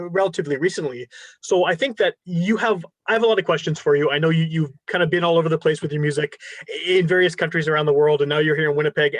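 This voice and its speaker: A man's voice: fairly high pitch, dry recording. A man hosting an interview podcast, asking long, friendly questions. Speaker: podcast host.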